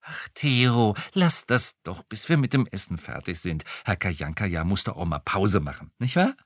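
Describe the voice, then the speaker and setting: A man's voice: lowish voice, sing-song, moderate pace, no echo, clean studio sound. A man reading a fussing older housewife. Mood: coaxing. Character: fussy, hospitable older housewife.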